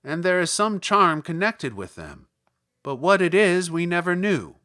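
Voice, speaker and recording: A man reading aloud, voicing a small Munchkin man speaking in a louder, raised voice. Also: high voice, big pitch swings, unhurried, pitched above the performer's own voice, exaggerated voice. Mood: solemn.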